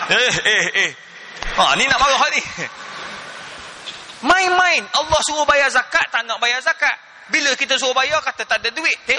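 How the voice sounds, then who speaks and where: A religious teacher delivers a sermon-story with animated exclamations. His voice sits very high and cuts bright and sharp. The sound echoes through a mosque hall. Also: slight background noise. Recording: reverberant hall.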